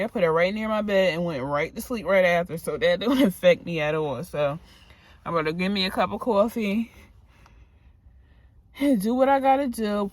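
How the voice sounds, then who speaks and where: A woman talks casually to her viewers, wandering from one piece of advice to the next. She sounds worn out and a little short of breath. Her voice sits at a middling pitch and is recorded dry, with no room echo. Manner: rambling, drifting between topics. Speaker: vlogger and medical assistant. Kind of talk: casual advice talk to camera.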